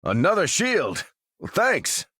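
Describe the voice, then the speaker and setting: An actor with an American accent playing a dutiful, resolute soldier who commands a superhero team in a video game, firm and plain-spoken. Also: male voice, high-pitched, wildly swooping pitch, takes it slowly, bright, forceful tone, no echo, clean studio sound, exaggerated voice. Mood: urgent, commanding. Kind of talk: video game character voice lines.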